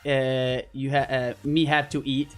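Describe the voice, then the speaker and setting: In casual gaming stream chat, a man from Canada rambles and cracks jokes as he hosts live voice chat from his apartment. His mid-range voice is level in tone and unhurried, and background music can be heard.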